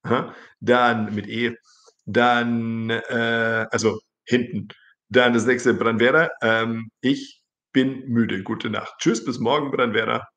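A middle-aged male teacher with a gravelly, slightly creaky voice at an ordinary pitch. He reads viewer comments off the screen one after another, correcting the grammar in a friendly, chatty way. He is recorded through a webcam at desk distance in a living room. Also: a bit bright. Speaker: German teacher. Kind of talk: live-stream lesson reading viewer comments. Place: indoor living room with a large plant.

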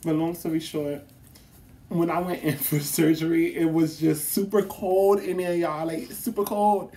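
A woman chatting casually to her viewers in a vlog, animated, laughing often and swearing freely. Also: lowish voice, measured pace. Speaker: vlogger.

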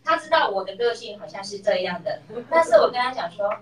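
A woman's voice: mid-range voice, sing-song, fast talker, fairly bright tone. A middle-aged woman shares a personal story with a class, acting out the voices of the people in it. She is heard from some distance across an echoey room. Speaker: class member sharing a story. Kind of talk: personal testimony.

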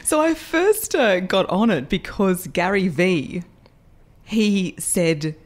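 A middle-aged woman, a voice coach, talking in a podcast interview, lively and quick to laugh at herself. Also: mid-range voice. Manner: lively, laughs often, self-deprecating. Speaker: voice coach guest.

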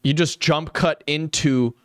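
A man's voice: a little high, fairly even intonation, measured pace, fairly bright tone, no echo, studio quality. Sarcastic, foul-mouthed male streamer. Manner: sarcastic, profane asides to chat. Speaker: streamer reacting to a video. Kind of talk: live stream reaction commentary.

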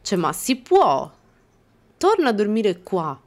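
Hosting a laid-back let's-play on her gaming channel, a young woman speaks slowly in a medium-pitched voice that swoops wildly. She talks over the game and scolds its characters in mock exasperation.

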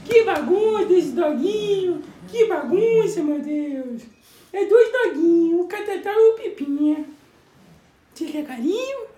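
A Brazilian woman coos at her pets in a very high, lively baby-talk voice, her pitch swooping all over. She stretches her sighs out long and sings her words. The sound is roomy and echoey, with a busy background behind her. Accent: Brazilian Portuguese. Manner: cooing, sing-song, drawn-out sighs. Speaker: pet owner filming her dogs.

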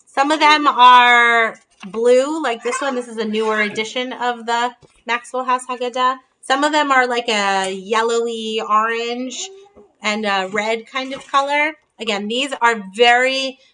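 Bright-voiced woman presenting on a video call. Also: a little high, measured pace, a little hiss or hum. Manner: friendly, holds up books while explaining. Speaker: host presenting holiday table ideas. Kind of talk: casual video call demonstration. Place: home dining room. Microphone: video call on laptop camera.

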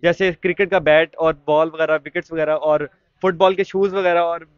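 A young adult man with a Pakistani Urdu accent vlogs a walking tour of a sports market and shop, guiding viewers in a chatty way with many fillers and restarts. His voice is a little high and clean, with a steady tone at normal speed. There's no room sound, though the recording is muffled.

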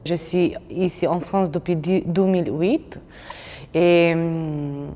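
A woman's voice: on the low side, fairly even intonation, takes it slowly, warm tone. Hesitant woman in a reverberant hall. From Romania. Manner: hesitant, many fillers. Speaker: language course participant. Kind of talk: interview testimony. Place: indoor room with stained-glass windows.

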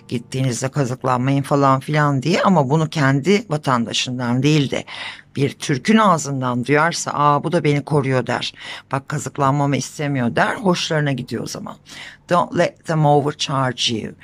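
Low-voiced woman teaching English. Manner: patient, explanatory, mixing Turkish with English examples. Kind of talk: explaining an English lesson.

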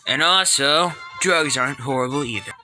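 A man's voice: medium pitch, normal speed, natural voice. A man voicing a gloomy, sulky male hedgehog in a plush toy skit, talking in a sullen, grumbling, reluctant way. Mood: smug. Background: background music.

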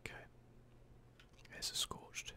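A man hosts an ASMR playthrough of a video game, commenting slowly in a hushed voice close to the microphone. His delivery drifts between soft speech and whispering.

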